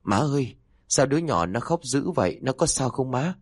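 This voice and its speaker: A man's voice: medium pitch, lively intonation, moderate pace, husky, no echo, clean studio sound, voice pushed up. A man voicing a frantic young son who pleads and calls for his mother in panic. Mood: worried.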